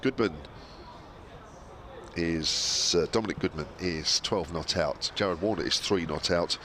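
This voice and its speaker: A man commentating live on cricket, summarising the scores at a break with relaxed, hesitant pauses. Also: low-pitched, a little hiss or hum. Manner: relaxed, fills gaps with drawn-out hesitations while reading scores.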